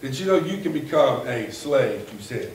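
A man in his forties preaching a sermon from a pulpit in a folksy, animated way that builds to a shout. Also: mid-range voice, moderate pace, a crowd in the background. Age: 40s. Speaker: pastor. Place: church sanctuary, at a pulpit. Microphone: far camera at the back of the room. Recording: echoey church from far off, faint hiss.

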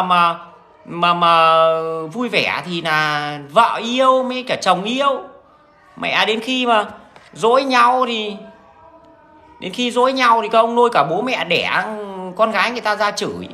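A man's voice: sits high, animated, a little slow, pushed and bright. Blunt man with a Northern Vietnamese accent. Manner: blunt, crude and frank, with many restarts. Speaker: vlogger addressing viewers. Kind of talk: casual rambling monologue.

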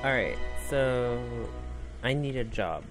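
A man chatting casually while playing a life-sim game, tossing in wry, deadpan asides. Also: medium pitch, slow, soft background music. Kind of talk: casual gameplay chat.

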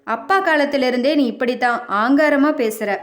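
A woman's voice: high voice, normal speed, natural voice. A woman voicing a hungry, short-tempered young husband who talks in a harsh, scolding way in a storybook reading. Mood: angry.

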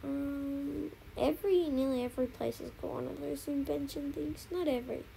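A woman giving casual, excitable commentary while streaming a game, repeating herself and talking to her chat. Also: sits high, normal speed, gravelly, a little hiss or hum, low-quality recording.

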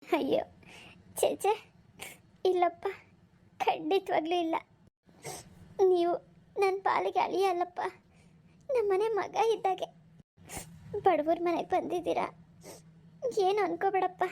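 A weepy, humble village mother in a cartoon, voiced by a woman, her voice pitched very high. She fusses over her guests and pleads through tears. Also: fairly even intonation, unhurried, vocal fry, pauses often, dark tone, exaggerated voice. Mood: fussing. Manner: tearful, pleading, fussing. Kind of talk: cartoon voice acting.

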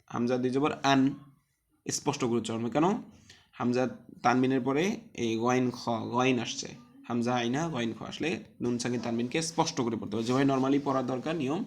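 A man teaching an online Quran recitation lesson, explaining the rules step by step, answering his own questions and spelling out letters before reciting words slowly. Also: medium pitch, darkish tone.

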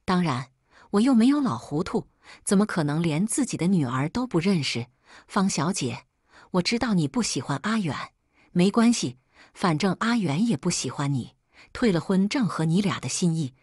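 Kind older mother in an audio story, as a woman reads her, husky, low voice, dry sound. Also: a little mellow, dry recording.

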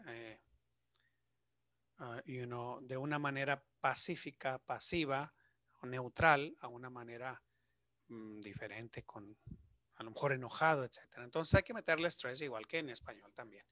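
A man teaching English to Spanish speakers in a video lesson, lively and asking the viewer questions. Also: mid-range voice, moderate pace, dry recording. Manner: lively, stretches words and asks the viewer questions.

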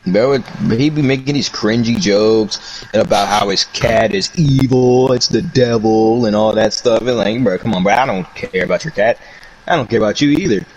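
A man's voice: on the low side, moderate pace. A young man gaming with a friend, talking bluntly and complaining in casual slang. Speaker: gamer. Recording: faint background noise.

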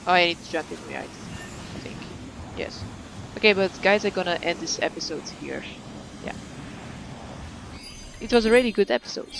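Excitable gamer with a gravelly edge. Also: mid-range voice, normal speed, pauses often, background noise. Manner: excitable, chatty, gushing. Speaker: let's-play gamer. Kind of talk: casual gameplay commentary. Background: game music.

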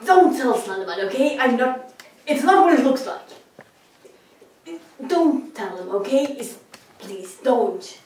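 A woman's voice: a little high, animated, a little slow, pauses often, darkish tone, very echoey. A young woman playing a bossy, fussy young male villain in a fan cosplay skit, in a home kitchen filmed by a far camera. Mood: exasperated. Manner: bossy, exasperated, nagging.

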